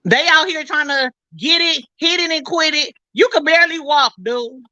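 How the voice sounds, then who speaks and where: A woman talking bluntly and loudly in a casual podcast chat, full of slang. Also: high voice, normal speed, no echo, rough recording. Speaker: panelist.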